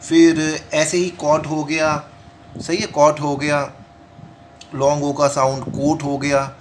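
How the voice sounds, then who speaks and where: A man's voice: a little high, level tone, noisy background. Man teaching shorthand, repeating each point. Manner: repeats each point slowly, often asks and answers his own questions; mixes Hindi with English terms, reads rules out in English. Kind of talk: home lesson with explanations.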